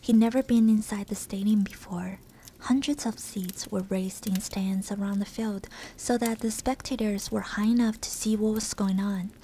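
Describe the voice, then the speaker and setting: A woman reads a storybook aloud in a soft, unvoiced ASMR whisper. Her tone is mellow and dark. A faint hiss sits behind her voice. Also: medium pitch, fairly even intonation, normal speed, poor audio.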